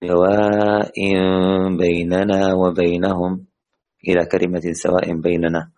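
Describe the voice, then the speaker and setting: A man teaching an online tajweed lesson to women. He quizzes his students, praises their answers, and stretches words slowly when he recites examples. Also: low voice, fairly even intonation.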